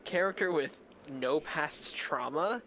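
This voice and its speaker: A man's voice: fairly high pitch, expressive, takes it slowly, sharp tone, a little hiss or hum. A young man chatting while playing a story game with friends, reading characters' lines in playful folksy voices. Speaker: co-player. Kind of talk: casual game chat with friends.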